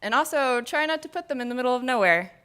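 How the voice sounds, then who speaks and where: A woman's voice: high-pitched, lively intonation, quick pace, fairly bright tone, clear, resonant tone. A young woman giving a casual conference talk on VR design, speaking into a stage mic and filling her sentences with "like.". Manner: casual, filler-heavy, many "like"s.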